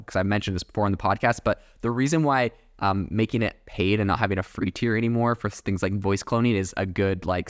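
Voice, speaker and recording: Chatting in a rambling, casual way full of fillers and asides, this young solo podcast host has a fairly low voice. The studio recording is clean, without echo.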